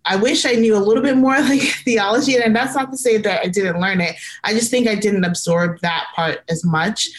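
A woman's voice: mid-range voice, normal speed, few pauses. A young woman from Maryland, a podcast guest who talks about her life in a reflective, thoughtful way. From Maryland, United States. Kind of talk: casual interview.

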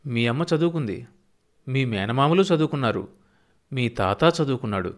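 A proud old farmer grandfather, stubborn but tender underneath, as a male narrator plays him. His speech is gruff and folksy, full of village turns. Told as an audiobook story. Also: medium pitch, animated, moderate pace, lightly acted. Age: older.

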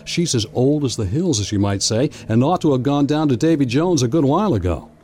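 Man as an eager, animated seafaring officer. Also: mid-range voice, a little fast, close to an everyday voice. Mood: keen, intrigued. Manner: salty nautical talk, keenly observant. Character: eager, curious male ship's officer, seasoned sailor. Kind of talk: period maritime audio drama acting.

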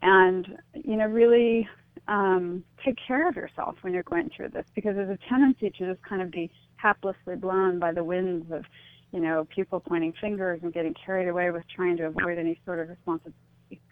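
A middle-aged woman on a radio call-in line talks through her ideas in an earnest, reflective, explanatory way, often saying "you know." She speaks a little quickly in a fairly low, steady voice, and the phone-like line is thin and dry.

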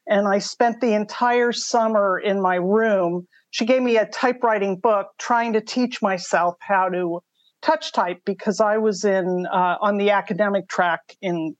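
A woman's voice: medium pitch, fairly even intonation, a little slow, dry recording, dull audio. An older woman telling her story conversationally as a podcast interview guest. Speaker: podcast guest, mystery writer.

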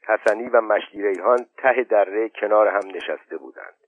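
A man reading an audiobook story in even, measured narration. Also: lowish voice. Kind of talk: scripted narration. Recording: thin phone-like sound, dry.

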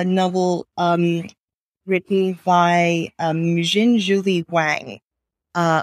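Sri woman author as interview guest, thoughtful, many fillers, lowish voice. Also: no echo, clean studio sound. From Sri Lanka. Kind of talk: interview answers.

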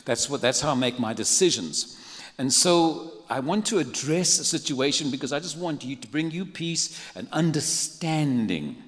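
A man's voice: on the high side, lively intonation, normal speed, big-room sound. An older man from Africa, preaching a sermon in a humorous, conversational way. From South Africa. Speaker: pastor.

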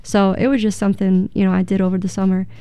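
Smooth, warm-voiced woman telling stories. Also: medium pitch, level tone, fast, dry recording. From Egypt. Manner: reflective storyteller, many fillers. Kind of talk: casual radio chat.

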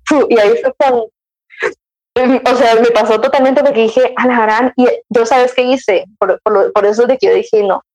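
A woman's voice: on the high side, fairly even intonation, normal speed, darkish tone, poor audio. A young woman, telling her story in casual chat, acting out her own past words with many restarts. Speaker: guest sharing her motherhood story.

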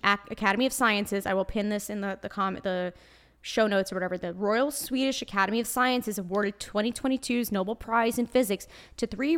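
A woman in her late twenties with a Brooklyn New York accent, talking casually as a podcast host, sassy, blunt and swearing freely. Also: medium pitch. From New York, USA. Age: late 20s. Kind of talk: casual solo podcast talk. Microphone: desk microphone.

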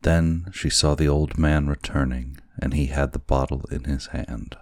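Very deep-voiced male storyteller. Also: fairly even intonation, a little mellow, no room sound, clean studio sound. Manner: measured, deliberate reading. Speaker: narrator. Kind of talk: audiobook narration.

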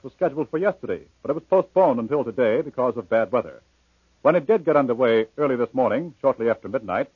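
An American newsman delivers a measured 1940s radio report. His medium-pitched voice is rough-edged and husky, heard through a narrow, tinny old broadcast. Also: no echo. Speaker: radio news editor reading a report.

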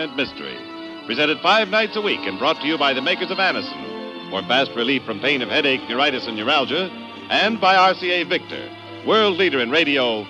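A man's voice: a little high, low-quality recording. An American man speaking as an old radio announcer, grandly reading a scripted promotional introduction. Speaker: show announcer. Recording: vintage radio broadcast over music.

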